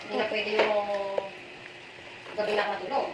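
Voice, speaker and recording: A woman's voice: mid-range voice, monotone, moderate pace. A woman speaking as a mother, chatting casually in a home cooking vlog. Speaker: mother cooking with her child. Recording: roomy echo, loud household noise.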